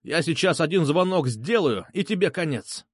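A man's voice: lively intonation, moderate pace, husky, no echo. A man voicing an arrogant, whiny male blogger who blusters and threatens in an audiobook. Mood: blustering threats. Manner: shrill, blustering, indignant. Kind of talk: audiobook character voice.

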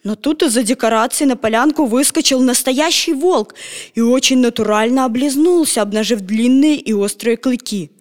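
A woman narrating a children's storybook in an expressive, animated way. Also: on the high side, normal speed. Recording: long echoing reverb.

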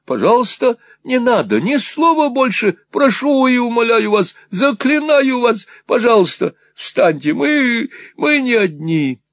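A man voicing a flustered, kindly elderly gentleman in an audiobook, speaking high, excited and drawn out. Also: measured pace, gravelly, husky, dry recording, exaggerated voice. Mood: agitated pleading.

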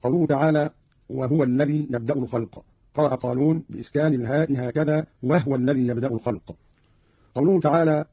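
A man's voice: mid-range voice, breathy edge, dry recording, muffled recording. A man giving a formal, scripted scholarly explanation, quoting verses and then explaining them, from an archival radio recording. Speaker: teacher explaining recitation variants.

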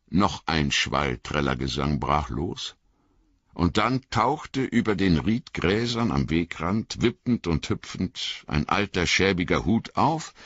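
A man reading a story aloud as scripted narration, slow and expressive, in a dull, lo-fi recording. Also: rumbling low, vocal fry, slightly rough, no echo. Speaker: audiobook reader.

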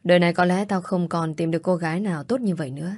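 Self-blaming young man, read by a woman, bitter and tearful, lowish voice, dry audio. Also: rapid-fire, a little mellow, dry recording, natural voice. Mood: regretful.

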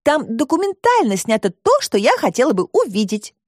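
A woman reader voicing a bold, inventive little girl in an audiobook, with a high, eager childlike delivery. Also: wildly swooping pitch, a little fast, a little mellow, no room sound, studio quality. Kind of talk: audiobook reading.

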